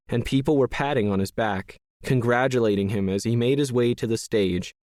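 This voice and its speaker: A man narrating a science fiction audiobook in the first person, in a measured, even storytelling manner. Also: lowish voice, dry recording, studio quality.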